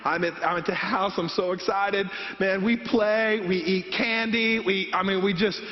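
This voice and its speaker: Pastor, man, high voice, storytelling sermon; dull, reverberant hall sound. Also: steady tone, measured pace, soft background music. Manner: storytelling, acts out voices of himself and his mom. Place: church sanctuary.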